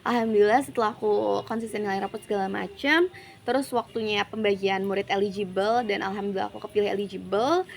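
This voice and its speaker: A woman's voice: medium pitch, steady tone, fast, gravelly. A young woman from Jakarta, a university student, chatting casually as an interview guest and dropping English phrases into her speech. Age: young adult.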